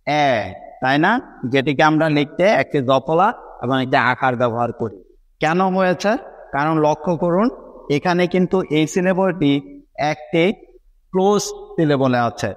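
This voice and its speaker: A Bangladeshi-accented man with a fairly high voice walks through word spellings one letter at a time, stopping to ask his viewers if they follow. His voice rings out with a long hall reverb behind it. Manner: explains step by step, spells words letter by letter, often asks "right, guys?". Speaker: English teacher. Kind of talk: spoken phonics lesson.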